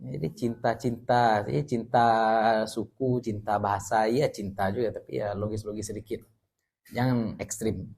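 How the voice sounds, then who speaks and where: A man's voice: fairly low pitch, fairly even intonation, normal speed, vocal fry, darkish tone. A man with a Minangkabau accent teaching an Islamic study class, explaining Arabic terms and joking with his listeners. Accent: Minangkabau Indonesian. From West Sumatra. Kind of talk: religious study lecture.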